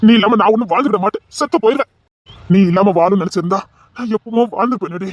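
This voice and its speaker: A man's voice: high-pitched, rapid-fire, no echo, lo-fi sound. A man voicing a guilt-ridden young man who earnestly urges his beloved to hear his confession, in an audio drama. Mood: urging. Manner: earnest, urging, addresses her intimately.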